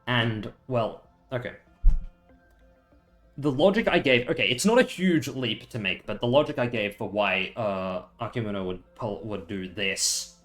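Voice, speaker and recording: A man streaming a live reaction to a manga chapter, excitable, swearing and thinking aloud. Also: lowish voice, unhurried, soft background music. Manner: excitable, swearing, laughing asides.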